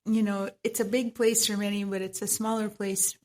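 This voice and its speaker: A woman's voice: medium pitch, level tone, moderate pace, darkish tone. A woman from Trinidad with a Trinidadian accent, speaking as a guest on a podcast, reflective and often laughing. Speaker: guest, medical esthetician. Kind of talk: podcast interview.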